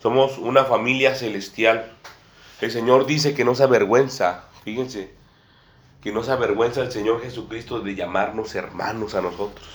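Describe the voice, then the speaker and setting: A man's voice: medium pitch, steady tone, normal speed, a little hiss or hum. A man preaching a sermon to a small congregation, often repeating phrases and calling his listeners brother and sister. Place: church room with a table and a small congregation. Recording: echoey room.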